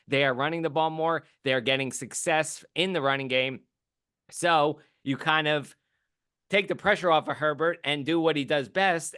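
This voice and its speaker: Man, fantasy football co-host, bright tense voice, dry close sound, casual. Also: on the high side, clean tone, no echo. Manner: conversational, hedging with ums, laughs easily. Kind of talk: casual sports talk.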